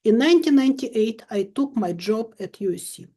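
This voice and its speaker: Higher-voiced woman lecturing with dry irony. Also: lively intonation, moderate pace, mellow. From Ukraine. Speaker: chemistry professor giving a keynote. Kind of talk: recorded lecture.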